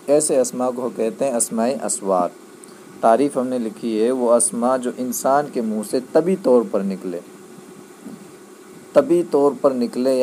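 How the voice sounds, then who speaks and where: A man's voice: mid-range voice, dark tone, a little hiss or hum, poor audio. A man teaching a grammar lesson, explaining patiently and checking that his students understand. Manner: patient, repeats key points, checks understanding.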